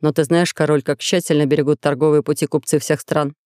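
A storyteller voicing a composed, earnest captive traveller who keeps steady even under threat, recorded dry. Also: male voice, a little high, fairly quick, clean tone, no room sound, voice pushed down, natural voice. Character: calm, self-possessed captive male traveller.

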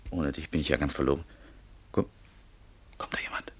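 A man playing a nervous, cautious young lover in a radio drama, often speaking in hushed whispers. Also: rumbling low, steady tone, quick pace, husky, full character voice. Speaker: actor in a radio play. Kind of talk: German radio drama acting.

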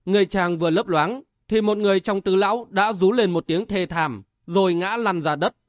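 A man's voice: high voice, moderate pace, no echo, clean studio sound. A man narrating a martial-arts novel as an audiobook with vivid, dramatic storytelling.

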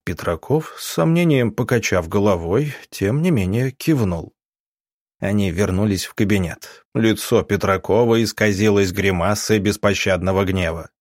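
A man narrating an audiobook as expressive scripted storytelling. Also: lowish voice, moderate pace, no echo, clean studio sound.

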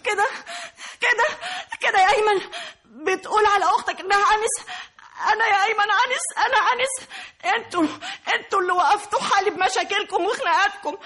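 A bitter, accusing Egyptian sister. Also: female voice, extremely high pitch, quick pace, sharp tone. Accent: Egyptian Arabic. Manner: accusing, tearful. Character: Siham, a bitter, tearful spinster sister.

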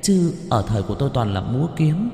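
A man voicing a gentle young female ghost from ancient times who speaks softly and politely. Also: medium pitch, big pitch swings, fast, echoey room, in a large hall, voice pushed up.

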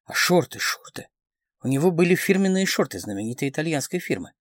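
A man's voice: on the high side, sing-song, fairly quick, dry recording, clean studio sound. A man narrating a novel as an audiobook, reading expressively. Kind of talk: scripted narration of a crime novel.

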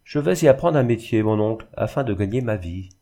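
A man voicing a young woman, a poor and earnest niece speaking gently, in a storybook reading. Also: on the low side, lively intonation, a little fast.

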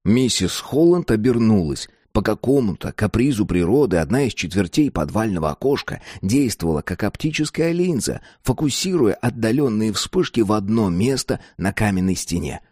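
Man narrating a story, lively voice. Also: fairly low pitch, moderate pace, few pauses, slightly rough, dry recording, clean studio sound. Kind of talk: scripted narration.

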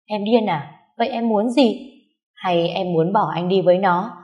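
A woman's voice: medium pitch, unhurried, dull audio, lightly acted. A woman voicing an angry, possessive husband. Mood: furious. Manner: shouting, demanding.

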